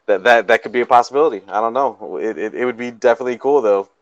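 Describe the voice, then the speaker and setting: A man's voice: medium pitch, fast, no echo, highs cut off. A man co-hosting a casual chat, rambling through a story with many ums, restarts and frequent laughs. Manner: laughs often. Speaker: podcast co-host.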